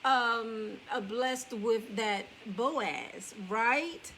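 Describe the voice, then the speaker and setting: A woman co-hosting a casual faith-based marriage chat on a live stream, lively and teasing. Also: fairly high pitch, extremely slow, a little hiss or hum, poor audio. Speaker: co-host, wife.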